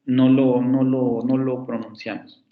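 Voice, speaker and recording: A man's voice: mid-range voice, flat delivery. Mexican man lecturing, echoey and muffled. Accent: Mexican Spanish. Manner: explains step by step, repeats example words slowly. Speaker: phonetics professor. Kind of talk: online class lecture. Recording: echoey, muffled lo-fi class recording.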